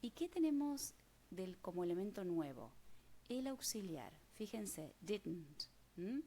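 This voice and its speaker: A woman's voice: medium pitch, very animated, slow pace, warm tone. Patient Rioplatense woman teaching grammar. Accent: Rioplatense Spanish. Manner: patient, checks understanding with frequent "mm?". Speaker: English teacher. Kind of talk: grammar lesson explained step by step.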